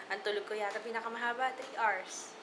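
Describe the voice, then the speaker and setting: A woman's voice: fairly high pitch, fairly even intonation, fairly quick. A woman vlogging casually at home, mixing Filipino and English and saying she has barely slept. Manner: chatty, switching between Filipino and English. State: short on sleep. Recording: loud background noise.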